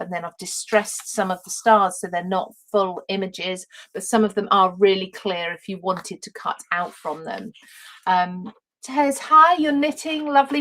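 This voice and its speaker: Her voice sits lowish and fairly bright, though the audio is poor. This Essex-accented woman shows off her papercraft collection during a live-stream demo, chatting eagerly and calling out to viewers by name.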